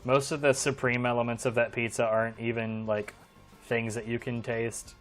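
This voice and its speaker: A man's voice: medium pitch, level tone, normal speed, a bit bright, faint music behind. Man streamer bantering and swearing. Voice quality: swears freely, dry joking banter. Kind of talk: casual live-stream chat while gaming.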